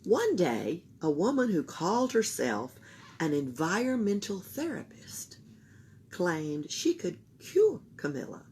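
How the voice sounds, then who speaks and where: A woman reading a children's story aloud, expressive and emphatic, with deliberate phrasing. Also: lowish voice, a little hiss or hum. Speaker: library storytime reader. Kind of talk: animated children's read-aloud.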